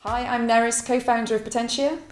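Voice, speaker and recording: A woman's voice: fairly high pitch, fairly even intonation, fairly quick, soft background music. A woman co-hosting a podcast in a conversational introductory style. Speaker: podcast co-host.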